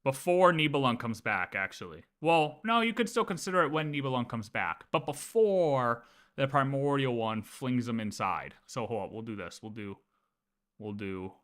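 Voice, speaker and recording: Explaining lore to his livestream audience, a man speaks in a mid-range voice at normal speed. His manner is casual and lively, with repeated phrases and regular check-ins to see whether viewers follow.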